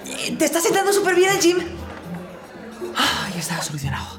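A woman voicing a bossy, hot-tempered female inner voice that shouts and rants, over background music. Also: very high voice, huge pitch swings, a little fast, heavily acted. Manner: shouty, swings from pleading to murderous rants.

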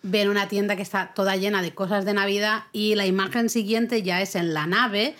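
A woman, co-hosting a casual film review chat and retelling scenes with lively asides. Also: medium pitch. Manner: animated retelling with quick asides. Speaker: podcast co-host.

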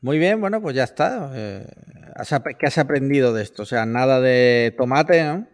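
A man's voice: mid-range voice, animated, normal speed, no room sound, studio quality. A man with a Spanish accent hosting a podcast, joking and reading listener questions aloud. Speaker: podcast host. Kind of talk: casual podcast chat.

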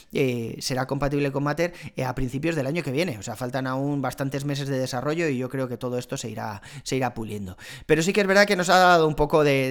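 A man with a slightly hoarse voice from a cold hosts a casual solo podcast. He rambles in a friendly, chatty way, often restarting his sentences and filling pauses as he talks. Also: medium pitch. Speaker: podcast host.

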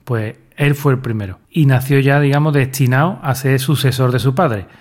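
A man from presents a history segment on a podcast. He talks in a joking, informal and chatty way, with a voice that sits in a middle pitch. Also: normal speed, a little mellow. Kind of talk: casual comedic chat.

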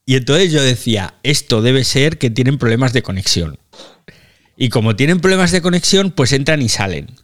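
A man's voice: mid-range voice, lively intonation, normal speed. A man with a Spain Spanish accent hosting a casual live audio chat, chatty and self-mocking, swearing casually as he talks into a phone mic. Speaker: podcast host.

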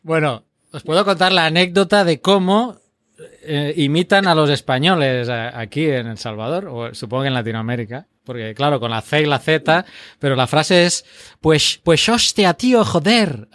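A man's voice: on the high side, normal speed, fairly bright tone, dry recording. A man hosting a podcast in casual, joking banter with his co-hosts. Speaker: podcast host. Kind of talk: casual chat. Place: El Salvador.

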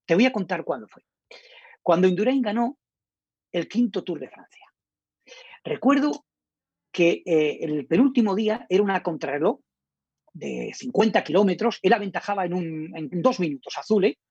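A man's voice: high-pitched, lively intonation, normal speed, pauses often, darkish tone, dry recording. A middle-aged man from Spain, a radio journalist guest, animatedly telling an anecdote and acting out the dialogue he quotes. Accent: Spain Spanish. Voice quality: husky. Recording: dull lo-fi dry recording.

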